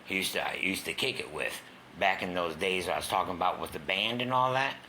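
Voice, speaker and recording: A man's voice: sits low, a little fast, bright, forceful tone. A middle-aged man, telling his own story in a raw, candid way, swearing and acting out what others said. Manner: raw, candid, swears, acts out quoted voices. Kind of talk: personal storytelling in a talk show. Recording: faint background noise.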